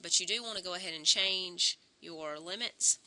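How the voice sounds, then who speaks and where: A woman teaching a calculus lesson, slightly hoarse and clearing her throat, talking through each step aloud and correcting herself as she goes. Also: fairly low pitch, normal speed, pushed and bright, a little hiss or hum. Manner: talks through steps aloud, self-correcting. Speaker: math teacher.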